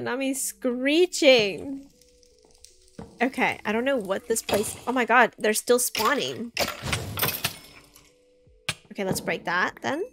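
With a fairly high voice and a little hiss or hum on the recording, this young YouTuber chats casually while playing a game as soft music plays behind her. Easily spooked, she frequently yelps and screams.

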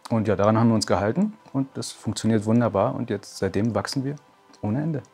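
A man's voice: lowish voice, fast talker, vocal fry, a little mellow, husky, faint music behind. A man in his forties, a martial arts school owner, speaking plainly and upbeat in a testimonial interview. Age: 40s. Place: bright room with curtains, indoors.

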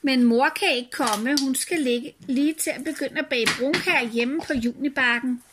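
A woman family vlogger reading a story aloud to children, expressive and pausing to comment on it. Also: high-pitched, background noise. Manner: warm and expressive, comments between passages.

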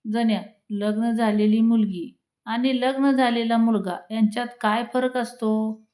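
A woman's voice: fairly high pitch, fairly even intonation, measured pace, warm tone. A woman reading a string of husband-and-wife jokes to her audience. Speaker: joke teller.

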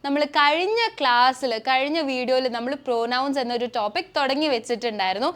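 A woman's voice: high voice, fairly quick, fairly bright tone, clean tone. A woman with a Malayali accent teaching a spoken English lesson in Malayalam, who poses questions to the class and answers them herself.

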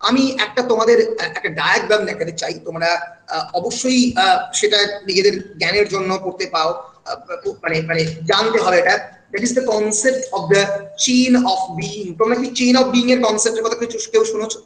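Man, high voice, literature lecture, many "uh" fillers, roomy echo. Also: moderate pace, few pauses, a bit bright. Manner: recites quotations with feeling. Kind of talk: online lecture mixing Bengali and English.

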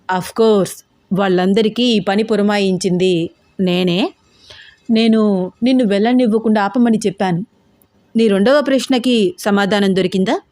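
A woman's voice: mid-range voice, a little mellow, no room sound, clean studio sound, lightly acted. A woman voicing a menacing middle-aged male gang boss who sneers and gives orders in a storybook reading. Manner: sneering, commanding, slow and taunting.

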